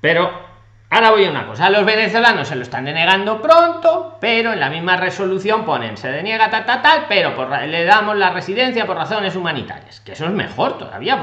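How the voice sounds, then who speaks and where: A man with a Spain Spanish accent hosts a live Q&A and speaks brightly and with lots of pitch movement. He is friendly but brisk and keeps each caller on point. His voice has a roomy echo. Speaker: host of a live Q&A on immigration law.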